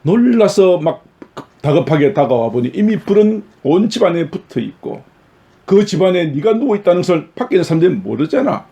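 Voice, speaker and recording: A pastor playing a loving mother who was scarred by fire, telling her story in a gentle, pleading way. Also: high voice, very animated, fairly quick, lo-fi sound, pitched above the performer's own voice. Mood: tender.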